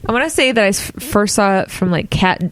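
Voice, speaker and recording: A woman's voice: mid-range voice, lively intonation, brisk, dry recording. A woman co-hosting a comedy news podcast, reading out stories and riffing on them with frequent laughs. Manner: giggly, reads news then riffs. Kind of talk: casual comedic news chat.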